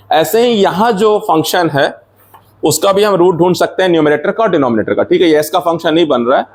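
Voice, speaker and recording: Man with a fairly high voice, lecturing a class. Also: a little mellow. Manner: explains step by step, questions students, mixes in English terms. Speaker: engineering lecturer.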